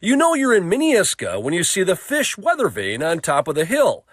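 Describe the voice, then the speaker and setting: A man's voice: sits high, wildly swooping pitch, moderate pace, no room sound, clean studio sound. A man narrating a scripted feature news story in a storytelling delivery. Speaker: news reporter.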